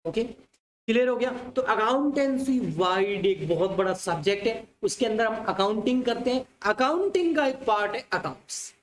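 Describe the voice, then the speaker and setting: Speaking at a moderate pace with lively, high-pitched intonation, a man teaches commerce online. He goes over points more than once, asks his students questions and calls them dear children, all in a room that echoes with faint ambient sound.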